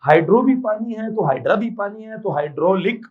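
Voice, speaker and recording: A male physics teacher from Pakistan lectures a class in a slightly high voice. He dictates notes slowly, repeats each phrase and keeps quizzing his students, switching between Urdu and English terms. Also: expressive, narrow, tinny audio.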